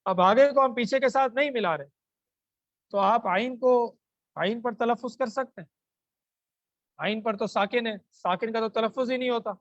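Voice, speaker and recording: Speaking into a mic with a Pakistani Urdu accent, a male teacher recites Arabic verses slowly and explains them in a Quranic grammar lesson, asking the class questions he then answers. His voice is very high and fairly bright, and the lo-fi recording has no room sound.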